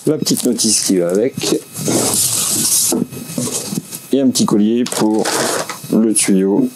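A man in his forties talks through an unboxing in a small indoor workshop office, halting often to search for words. His voice sits low. The camera mic catches noticeable background noise. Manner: relaxed, hesitant with many fillers. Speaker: vlogger. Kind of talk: casual unboxing demo.

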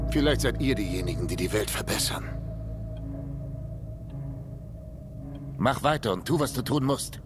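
A man's voice: mid-range voice, natural voice. Hank, a man as a weary older police lieutenant. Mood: softened, resolved. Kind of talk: dubbed video game drama.

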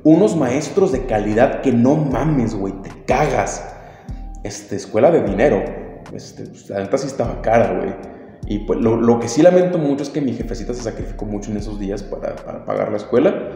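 A man's voice: medium pitch, expressive, a little fast, dark tone. Mexican man in a very echoey room. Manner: slangy, swears freely, laid-back. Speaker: podcast host. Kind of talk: casual storytelling monologue. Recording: very echoey room, long reverb, faint music.

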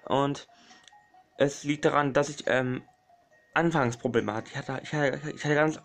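A man's voice: medium pitch, fairly even intonation, a little slow. A man commenting on a puzzle game, rambling and repeating himself, sometimes snapping at people interrupting him. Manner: rambling, repeats himself, says "meine Freunde" often. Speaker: gaming YouTuber. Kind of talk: let's play commentary.

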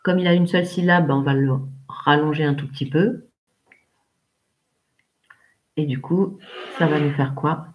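A woman corrects English exercises in a live online lesson, warm with praise and naming each pupil as she goes. Her voice sits a little low. The stream sound is dull and lo-fi. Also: normal speed, a little hiss or hum. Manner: encouraging, calls on pupils by name. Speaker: English teacher. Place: home, remote teaching.

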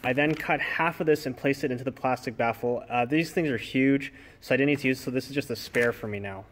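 A man's voice: mid-range voice, fairly quick, fairly bright tone, a little hiss or hum. Man explaining car audio work. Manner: explanatory, hands-on, addresses viewers directly. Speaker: car audio channel host. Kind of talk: casual how-to explanation. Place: garage workshop, inside a car.

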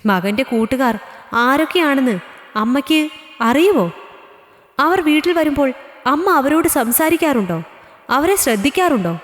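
A woman's voice: high-pitched, expressive, normal speed, pauses often, voice pushed up. A woman voicing a firm, probing schoolteacher. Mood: stern. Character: strict caring female schoolteacher, middle-aged mother. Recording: echoey reverberant room.

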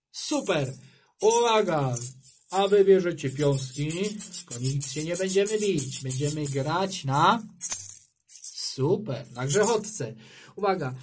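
A man's voice: fairly high pitch, expressive, a little slow. A man teaching an online music lesson to young children, encouraging them and chanting rhythm syllables.

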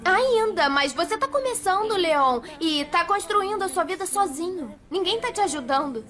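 Earnest, high-voiced young Brazilian woman. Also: animated, normal speed, a bit bright, soft background music. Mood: encouraging. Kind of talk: dubbed soap opera acting.

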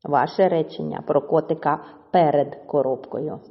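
A woman teacher giving a slow, clear lesson to children, stretching words out syllable by syllable. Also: deep voice. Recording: dull audio with long reverb.

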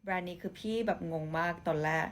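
A young woman with a fairly low voice hosts a short language lesson, saying each word clearly and then repeating it for her viewers. Her tone is polite and upbeat. A faint hiss sits under the recording. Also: fast talker. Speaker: host teaching Chinese brand names.

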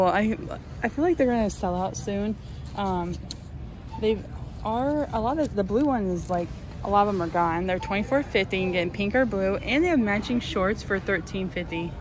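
A woman vlogging as she walks a large store, chattily listing prices and getting excited over new finds. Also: medium pitch, background noise. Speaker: shopping vlogger. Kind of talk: casual shop-with-me narration. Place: large retail store, indoors.

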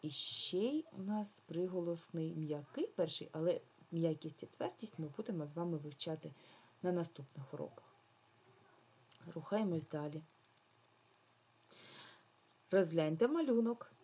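Female teacher for a recorded remote kids' lesson. Patient, draws words out, dark and slightly breathy tone. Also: lowish voice. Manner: slow, patient, drawn-out words for children. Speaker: primary school teacher. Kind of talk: remote lesson for young children.

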